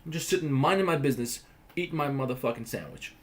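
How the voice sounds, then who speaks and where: Young male livestream host from Croatia, mid-range voice, blunt and profane, animated storyteller. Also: medium pitch, quick pace. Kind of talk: casual livestream rant.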